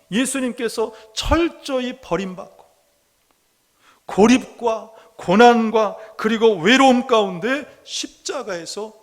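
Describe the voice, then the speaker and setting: A man preaching a Sunday sermon as pastor, earnest, asking rhetorical questions and slowing down to read scripture aloud. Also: high voice. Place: church sanctuary. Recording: long reverb of a church hall.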